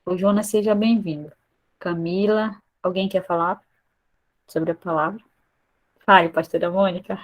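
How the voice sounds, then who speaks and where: A woman's voice: fairly low pitch, steady tone, moderate pace, long pauses, highs cut off. A woman leading a devotional group discussion. She talks informally and calls on each member to speak. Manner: warm, informal, passes the word to others.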